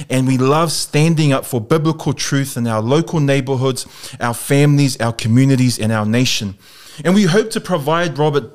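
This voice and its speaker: Pacific Islander New Zealand man hosting, higher-pitched. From South Auckland, New Zealand. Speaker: podcast host.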